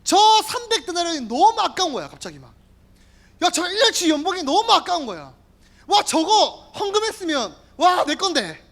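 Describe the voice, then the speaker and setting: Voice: very high voice, very animated, normal speed, fairly bright tone, voice pushed up, full character voice. A youth preacher acting out a greedy, grumbling male disciple inside a sermon, with coarse exclamations over wasted money.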